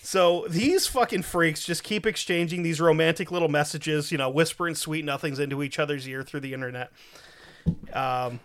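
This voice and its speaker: A man's voice: on the high side, moderate pace, fairly bright tone. A man hosting a podcast, telling a true crime story in a crude, profane, joking way. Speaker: podcast host.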